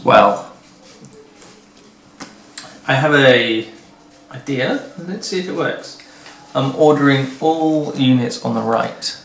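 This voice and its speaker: A man slowly and wryly plotting his moves aloud in a board game. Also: medium pitch, lively intonation, fairly bright tone. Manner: slow, wry, plotting aloud. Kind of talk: casual tabletop play chat. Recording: roomy room with faint noise.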